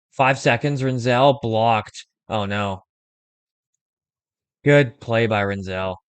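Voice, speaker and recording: A young man hosting a fan watch-along stream, giving casual play-by-play and chat with quick excited reactions. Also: fairly low pitch, clean tone, dry recording. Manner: conversational, reacts excitedly to plays, uses fillers like "like".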